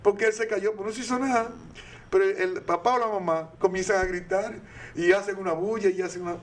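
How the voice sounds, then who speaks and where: Older Dominican man, high voice, earnest advice-giver, teaching tone. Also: steady tone, brisk. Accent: Dominican Spanish. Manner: earnest and didactic, with rhetorical questions. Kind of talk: advice talk.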